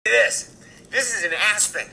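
A man's voice: sits high, measured pace, pushed and bright, faint music behind, heavily acted, poor audio. An actor playing a pompous, smug male TV news anchor, in a film clip.

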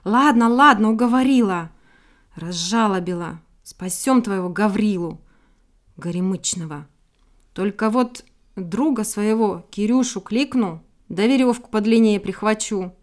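A woman's voice: mid-range voice, a little slow, darkish tone, natural voice. A woman voicing a kind, brave and clever male guard dog in a storybook reading, with a soothing, folksy manner. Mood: resolute. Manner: soothing, good-natured, folksy.

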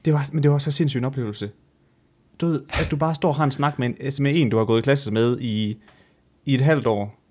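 Young male co-host, animated storyteller, laughs a lot, casual swearing. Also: medium pitch. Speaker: podcast co-host. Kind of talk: casual chat.

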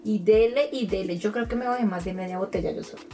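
A woman, chatting casually as co-host and telling expressive stories, acting out quotes. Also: mid-range voice, fast talker, recorded from a distance, over music. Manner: expressive storyteller, acts out quotes. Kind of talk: casual chat.

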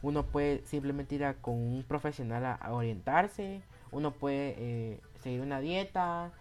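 In a medium-pitched, slightly mellow voice and a somewhat slow pace, a flamboyant young vlogger recounts something that happened to him. He has a Guatemalan Spanish accent, calls himself effeminate, swears a lot, and repeatedly tacks "va." onto his sentences.

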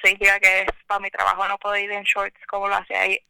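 A young woman with a very bright, crisp voice chats casually in Spanglish over a phone line. Her pitch stays fairly even as she slips English words into her Spanish. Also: quick pace, no echo. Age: young adult. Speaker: podcast guest. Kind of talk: casual chat.

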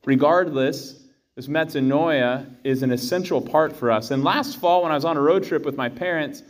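An American man in his thirties, a priest, reading scripture and giving a homily in measured, deliberate phrases. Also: a little high. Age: 30s. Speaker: priest preaching. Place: indoors, in a church.

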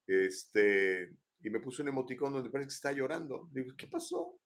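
A man's voice: medium pitch, moderate pace. An older man with a Mexican accent hosting a live show from his home, chatting in a rambling way and tagging questions onto his sentences. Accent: Mexican Spanish. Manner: rambling, chatty, keeps adding tag questions. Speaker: host. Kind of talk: casual live-show chat.

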